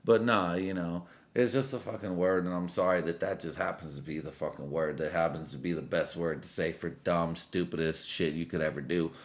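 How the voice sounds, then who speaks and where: A man's voice: sits low, steady tone, fairly quick, few pauses. A man in his late twenties on a drunk, loose, rambling casual solo rant, full of slang and swearing. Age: late 20s. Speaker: vlogger.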